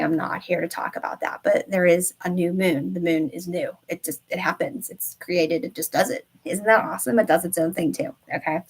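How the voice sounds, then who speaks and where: A woman's voice: on the low side, creaky, a little mellow, breathy edge, poor audio. A woman wellness coach giving a casual live-stream talk to viewers, chatty and often tagging lines with a questioning "okay?".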